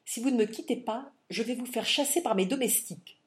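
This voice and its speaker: A woman's voice: fairly high pitch, a little fast, pitched above the performer's own voice, lightly acted. A woman reading the lines of a proud, indignant young widow countess in an audiobook. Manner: indignant, dignified.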